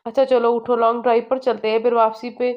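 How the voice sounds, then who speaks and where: A woman's voice: fairly high pitch, little pitch movement, fast talker, slight background noise, close to an everyday voice. A woman voicing a teasing young fiancé. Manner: playful, teasing. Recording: slightly muffled lo-fi audio.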